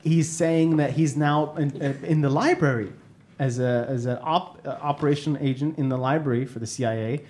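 A man hosting a casual comedy podcast, with a halting, slangy, joking way of talking. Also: on the high side, fairly even intonation, a little mellow. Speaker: podcast host. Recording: faint background noise.

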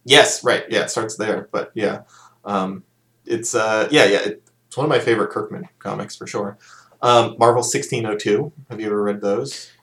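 Man, podcast host, low voice, casual chat, rambling, many fillers. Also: normal speed, fairly bright tone. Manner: rambling, lots of fillers and restarts.

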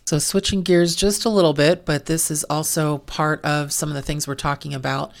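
A low-pitched middle-aged woman explains healthcare compliance rules in an informational talk. She speaks frankly, with exasperated asides. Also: steady tone, normal speed, gravelly. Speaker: medical coding and compliance auditor.

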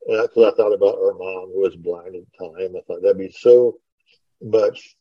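Husky and low, with a steady tone and moderate pace, a middle-aged man chats casually as a podcast host over an online call. He reminisces in rambling, informal stories; the lo-fi call audio is dull and free of echo.

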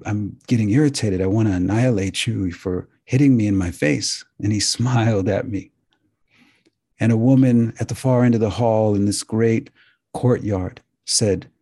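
A male host earnestly recounting a dream and the lessons he drew from it, in a measured storytelling manner. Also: fairly low pitch, warm tone, husky. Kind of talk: spiritual talk recounting a dream.

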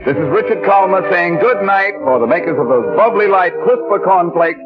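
An old radio announcer, a man with a fairly high, swinging voice and a polished sales delivery. He reads scripted copy on a dull vintage broadcast, with loud music behind him. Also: expressive, normal speed. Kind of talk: 1940s old-time radio announcer, scripted sponsor pitch and sign-off.

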